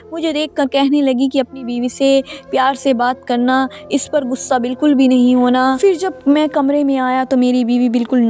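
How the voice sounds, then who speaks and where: A woman's voice: high voice, a little mellow. A woman reading an emotional first-person story aloud as a storyteller, telling it from a husband's side. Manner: reads a first-person tale in a man's voice. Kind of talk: scripted story narration.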